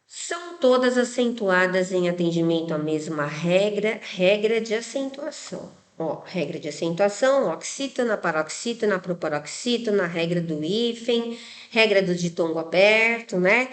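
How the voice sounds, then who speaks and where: A woman's voice: mid-range voice, expressive, moderate pace. A woman from Brazil, an exam prep teacher, going through test answers step by step and checking often that her students follow. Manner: didactic, many tag questions, spells out rules step by step.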